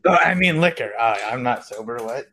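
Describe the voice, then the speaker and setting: A man's voice: medium pitch, lively intonation, brisk, background noise. A man joking offhand during an improv call. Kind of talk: improv comedy over a call.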